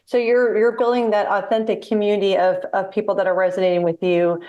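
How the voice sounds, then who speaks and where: A woman in her forties hosting a casual podcast interview. She asks long, winding questions and keeps nodding along with quick affirmations. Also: medium pitch, level tone, a little mellow, highs cut off. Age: 40s. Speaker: podcast host.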